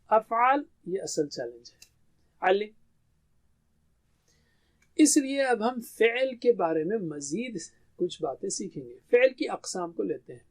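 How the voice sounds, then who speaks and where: Urdu-speaking man lecturing on Arabic grammar. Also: high-pitched. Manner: explains step by step, asks and answers own questions. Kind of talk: classroom lecture on Quranic grammar.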